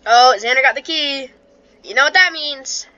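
A woman's voice: sits high, normal speed, bright, forceful tone. A woman playing a horror game with friends in casual chat, sounding scared and reluctant, often repeating herself. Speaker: gaming video player in a group. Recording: dull, noisy game voice recording.

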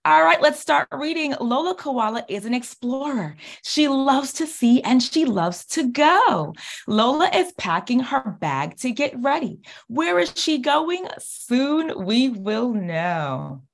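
An American woman in her 30s, a speech pathologist and children's author, reads a children's book aloud and asks questions about it over a video call from a small indoor office. She speaks slowly in a higher, creaky-edged voice, clear and expressive like an encouraging teacher.

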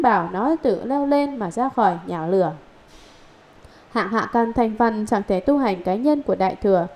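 A woman giving an even, measured scripted reading of a Buddhist scripture commentary. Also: medium pitch. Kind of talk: scripted reading of a religious text.

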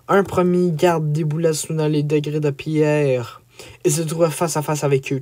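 Man reading a medieval tale aloud. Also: fairly high pitch. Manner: expressive, rising on action. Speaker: audiobook reader. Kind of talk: dramatic storybook narration.

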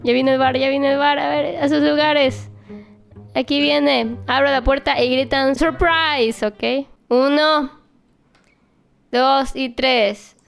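A young woman narrating her doll play in a lively, exclamatory way, talking to the toys like a babysitter. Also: high-pitched, slow pace, creaky, faint music behind. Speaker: toy play vlogger.

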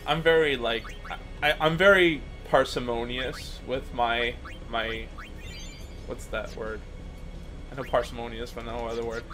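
A man's voice: mid-range voice, steady tone, a little slow, fairly bright tone. A young man co-hosting a gameplay video, joking and playful, a little boastful. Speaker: let's play co-host. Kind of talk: casual gameplay chat. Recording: game music playing behind.

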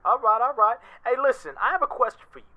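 A man's voice: extremely high pitch, lively intonation, fast, bright, forceful tone, full character voice. A man voicing a playful, pushy father who talks to his son over a phone call, heard through a lo-fi phone line. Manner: boastful, pushy, jokey. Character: teasing playful middle-aged father.

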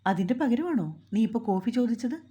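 A woman storyteller voicing a stern, short-tempered young husband who scolds and gives orders in a gruff way. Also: fairly high pitch, lively intonation, fast, mellow, close to an everyday voice.

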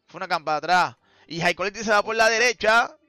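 A man calling a mobile game tournament as play-by-play commentator, joking and exclaiming loudly at big plays. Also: high voice, a little fast, clear, resonant tone, no echo, studio quality.

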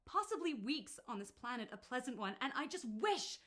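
A woman's voice: sits high, big pitch swings, moderate pace, fairly bright tone. A woman playing a worn-out young student who confronts her brother sharply. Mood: angry. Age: young adult. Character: young woman, exhausted student sister, furious.

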